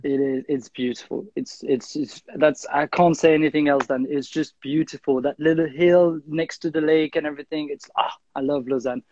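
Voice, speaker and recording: A man's voice: fairly high pitch, fairly even intonation, moderate pace, few pauses, a little mellow, lo-fi sound, slight background noise. A young man from Switzerland, chatting casually as an interview guest, full of fillers and restarts. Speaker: guest, freerunner and kendama player.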